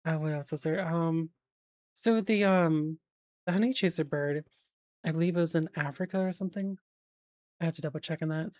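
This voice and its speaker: A woman's voice: low-pitched, normal speed, long pauses, a little mellow, no room sound, clean studio sound. A woman streamer chatting casually, rambling with lots of fillers and the odd swear, checking facts aloud as she goes.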